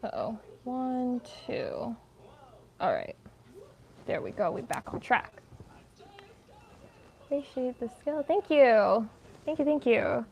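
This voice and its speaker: Woman, US-raised livestream host, casual crochet chat at home, tangent-prone, fairly high voice. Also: big pitch swings, slow, gravelly, long pauses, dull audio, a little hiss or hum. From United States. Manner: chatty and rambling, lots of "like", easily sidetracked.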